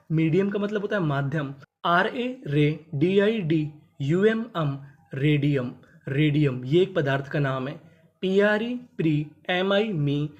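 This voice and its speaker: Heard with a lo-fi, slightly mellow sound, a teacher spells English words out by letter, sounds each one out, and supplies its meaning. In this spelling and phonics lesson, the pitch dips on the closing word of every list.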